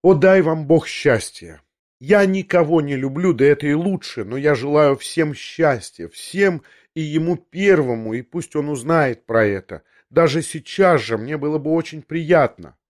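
A man's voice: a little high, measured pace, a little mellow, natural voice. A man reading an audiobook, voicing a young noblewoman who confesses in a breathless, restless way, half talking to herself, in a slightly raised voice. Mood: imploring. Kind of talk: audiobook character voice.

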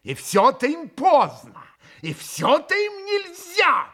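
A man's voice: high voice, animated, slow, voice pushed up, heavily acted. A man doing a proud, hot-tempered young woman. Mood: imperious, scolding. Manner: sharp, scolding, commanding.

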